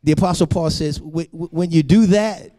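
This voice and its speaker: A man's voice: on the high side, normal speed, dark tone, clean studio sound. A male pastor preaching a sermon with a preacher's rising cadence, often calling out "Amen" to the congregation. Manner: preacher cadence, rising to a sung, climbing delivery. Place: church sanctuary. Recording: long hall reverb.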